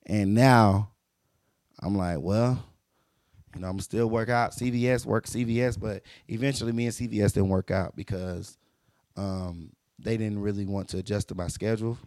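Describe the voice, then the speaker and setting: A man's voice: fairly low pitch, fairly even intonation, normal speed, darkish tone, no echo, clean studio sound. A young man from Mississippi, hosting a podcast and telling a personal story in a rambling, self-correcting way with emphatic repetitions. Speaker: podcast host. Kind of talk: casual storytelling monologue.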